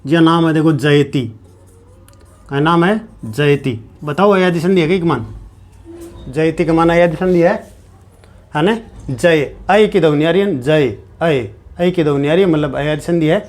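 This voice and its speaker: Grammar teacher. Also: male voice, on the high side, moderate pace. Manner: repetitive, asks and answers his own questions. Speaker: Sanskrit teacher. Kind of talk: classroom grammar lesson.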